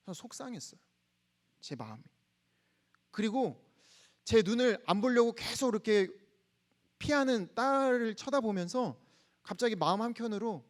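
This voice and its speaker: A high-pitched man in his thirties preaches to a campus congregation, leading a scripture reading aloud. He tells a personal story in a soft, hushed voice.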